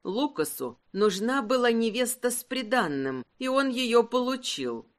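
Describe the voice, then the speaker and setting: A woman narrating a romance audiobook in a smooth, measured storytelling manner. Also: a little high, big pitch swings. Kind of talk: scripted narration.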